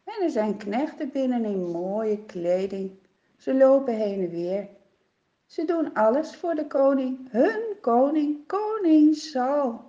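A woman narrating a Bible story for children, expressive, with dramatic pauses and hushed passages. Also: high voice, muffled recording.

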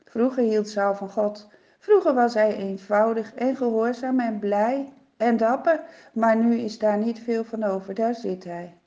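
A woman narrating a Bible story for children, expressive, with dramatic pauses and hushed passages. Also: a little high, highs cut off.

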